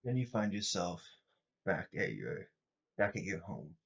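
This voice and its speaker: A man's voice: deep voice, big pitch swings, a little slow, creaky, slightly rough, dull audio. A man improvising narration as the game master of a tabletop role-playing game.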